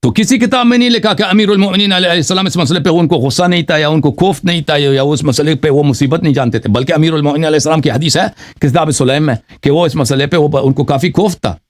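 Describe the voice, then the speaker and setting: A man's voice: a little high, hardly any pauses. A man arguing in a heated religious debate on a live call-in show, pressing the same pointed questions again and again. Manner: insistent, repeats pointed questions.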